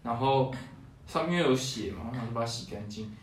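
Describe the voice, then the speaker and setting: A man's voice: medium pitch, brisk, a little hiss or hum. A young man, co-hosting a podcast and telling childhood stories with frequent laughter. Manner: laughs often while telling anecdotes. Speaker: podcast co-host. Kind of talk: casual chat, storytelling. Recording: roomy echo, distant mic.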